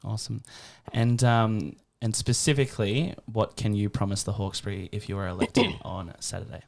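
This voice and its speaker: A man's voice: fairly low pitch, steady tone, moderate pace, creaky, darkish tone. A man hosting a podcast interview, speaking hesitantly with many ums and restarts. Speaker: podcast host. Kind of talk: casual interview.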